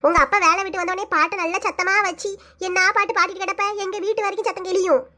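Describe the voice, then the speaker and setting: A woman's voice: extremely high pitch, steady tone, fast talker, bright, forceful tone. A woman voicing a nosy older mother-in-law who fusses and chides in a Kanyakumari Tamil accent, in a cartoon. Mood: fussing.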